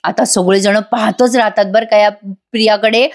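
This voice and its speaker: A woman's voice: mid-range voice, fairly even intonation, moderate pace. A woman giving a chatty, amused voice-over review of a TV serial episode and speaking straight to her viewers.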